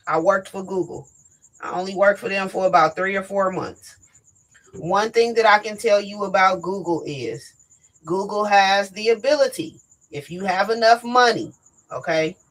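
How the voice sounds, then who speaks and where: A woman hosting a live talk show, talking directly and emphatically to her viewers, her voice going hoarse. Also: medium pitch, a bit bright, rough recording. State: losing her voice. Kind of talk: casual live-stream talk.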